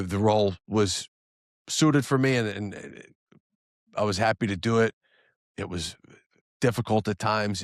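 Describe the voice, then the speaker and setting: Low-voiced man on a solo podcast. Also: no echo, studio quality. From New Jersey area. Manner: conversational, frequent restarts and asides. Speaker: podcast host.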